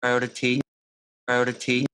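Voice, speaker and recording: Actor as a man in a movie clip, clear and crisp, flat, dry sound. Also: medium pitch, normal speed, no room sound, natural voice. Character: man speaking in a film scene. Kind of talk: film dialogue clip.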